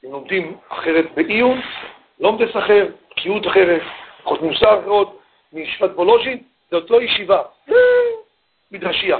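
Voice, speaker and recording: A man's voice: high-pitched, animated. A man preaching through a story, acting out the people in it with dramatic shifts of voice. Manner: dramatic, acts out the characters' voices. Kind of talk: storytelling sermon. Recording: tinny phone-like recording.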